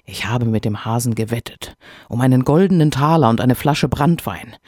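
A man's voice: medium pitch, darkish tone, no echo, studio quality, lightly acted. A man voicing a stubborn, cunning male hedgehog who talks in a pushy, emphatic way. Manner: pushy, emphatic, sometimes hurried.

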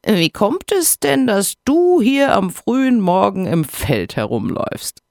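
A man voicing a haughty, sneering male hare in a loud, mocking, high-pitched voice. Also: sing-song, measured pace, creaky, full character voice.

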